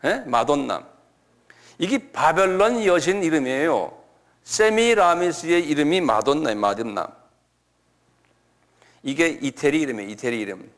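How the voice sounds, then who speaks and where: 느릿하게 강의하는 남성 목사. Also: male voice, a little high, animated. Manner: repeats key words slowly, asks the audience questions. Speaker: pastor. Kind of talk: lecture-style sermon.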